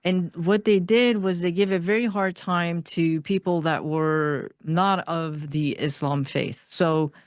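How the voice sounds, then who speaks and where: Woman from Iran with a smooth voice. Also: low voice, dry recording, clean studio sound. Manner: earnest, steady storytelling with small restarts. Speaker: guest. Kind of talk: personal life story in an interview.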